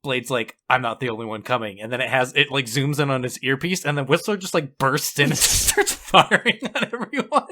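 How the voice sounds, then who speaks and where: A man's voice: mid-range voice, expressive, sharp tone. A man co-hosting a podcast, chatting casually and sarcastically about a film he just watched, often laughing. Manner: laughing, sarcastic, quick retellings of scenes. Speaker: podcast co-host. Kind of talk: casual movie-review chat.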